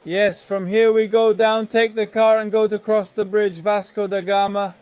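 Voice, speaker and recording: A man's voice: high voice, little pitch movement, moderate pace, darkish tone, smooth, no room sound. A man chatting casually through a travel vlog, walking city streets and later driving, filmed on a handheld phone. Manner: chatty, narrating while walking and eating. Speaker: travel vlogger.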